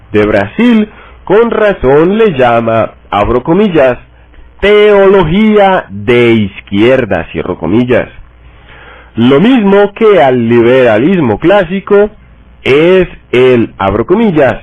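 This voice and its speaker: A man reading a political text aloud, slowly and deliberately, saying every quotation mark out loud. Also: mid-range voice, no room sound. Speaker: reader. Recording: dry tinny phone-like sound.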